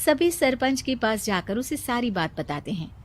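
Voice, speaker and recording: A woman's voice: on the high side, sing-song, normal speed. A woman reading scripted story narration.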